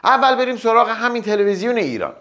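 A young man hosting a comedy show, delivering a satirical stand-up monologue with teasing banter and quick asides. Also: very high-pitched, big pitch swings, fairly bright tone.

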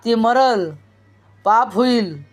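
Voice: medium pitch, animated, very slow, faint music behind. A reader voicing a brave, protective young village man in an audiobook reading, firm and stern. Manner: firm, rising to anger.

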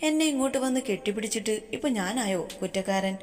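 A playful young husband who teases and dotes on his wife, lines pitched a little above the reader's usual voice, as a woman reads him out. It is an audio storybook with a long hall reverb around the voice. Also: lively intonation, fast talker, faint music behind, lightly acted. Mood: teasing. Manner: teasing, affectionate. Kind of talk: storybook reading.

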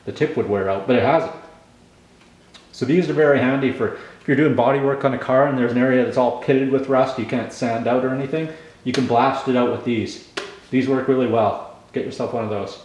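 Forties guy, casual tool-vlog host, mumbles through gum, lots of ums, mid-pitched, very echoey room. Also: fairly even intonation, a little fast, a little mellow, slight background noise. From Canada. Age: 40s. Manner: rambling, lots of ums and restarts. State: chewing gum, slightly mumbled. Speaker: channel host.

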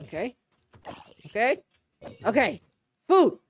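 Excitable woman gamer yelling at monsters. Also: fairly high pitch, slow, husky. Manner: loud, excitable, yelps and swears at enemies; talks to the game creatures and her viewers. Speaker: gaming channel host. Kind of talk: casual gameplay commentary.

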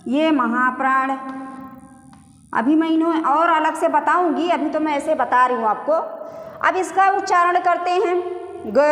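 Brief: middle-aged woman teacher, very high voice, repetitive classroom questioning, roomy reverb. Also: a bit bright. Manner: repetitive, asks and answers own questions; drawn-out demonstration vowel sounds. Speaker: Hindi grammar teacher. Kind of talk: classroom-style lesson. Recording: echoey room reverb.

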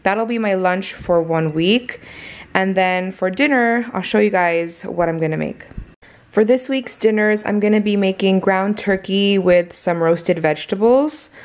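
A cooking vlogger talks viewers through her meal prep step by step, chatty and friendly, at a measured pace. Her voice sits at a middle pitch for a woman, picked up by the camera mic in her home kitchen.

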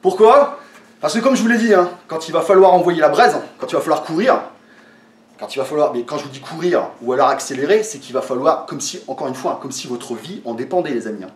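Speaking fast and on the high side, this male fitness vlogger from France explains a workout to camera. He's casual and unsure, restarting often, padding with fillers, and sounding slightly worn out. The echoey room and faraway mic leave his voice sounding distant.

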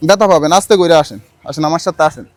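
A man with a Bangladeshi Bengali accent gently coaxing someone on the street, repeating his requests patiently. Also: fairly high pitch, expressive, very fast, no room sound. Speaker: street outreach volunteer. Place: outdoors on a city street.

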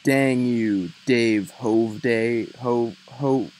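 A young adult host reads his own childhood story in a theatrical, mock-dramatic style, dropping into casual, wry asides. His mid-range voice is fairly even in intonation, with drawn-out words, and music plays under him along with background noise.

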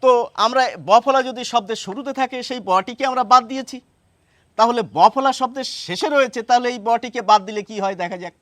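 A man teaching a lesson, explaining step by step and repeating words slowly to show how they sound. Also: very high voice, a bit bright, no echo. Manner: explains step by step, asks rhetorical questions.

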